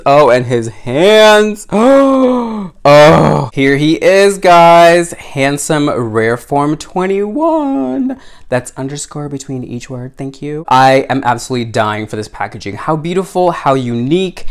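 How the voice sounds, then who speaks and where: A man reviewing a collector doll in an unboxing vlog. He gushes, gasps and squeals, and chats directly to his viewers and to the doll's designer. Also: mid-range voice. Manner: gushing, exclamatory, frequent gasps and squeals.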